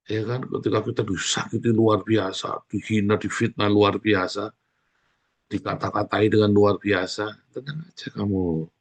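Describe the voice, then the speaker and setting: A man preaching a sermon as pastor, speaking in an animated way with sudden loud exclamations. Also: lowish voice, normal speed.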